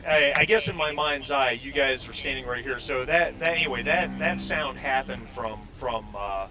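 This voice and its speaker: A man running a tabletop role-playing game, narrating off the cuff in a conversational, halting way as he searches for words. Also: mid-range voice. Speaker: game master.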